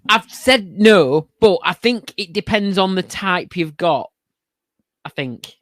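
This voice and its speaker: Pub quiz host, laughs a lot, hedges every clue, dry close sound. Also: male voice, high voice, animated, takes it slowly, fairly bright tone, no echo. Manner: giggly, hedging, rambling clue-giving. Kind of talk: casual pub chat podcast.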